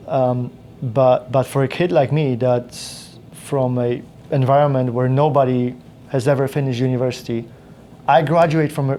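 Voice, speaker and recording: A man's voice: medium pitch, warm tone, a little hiss or hum. A man, telling his life story as a podcast guest, full of restarts and fillers. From Poland. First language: Polish. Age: 30s. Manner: rambling with frequent restarts and fillers. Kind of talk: casual interview storytelling.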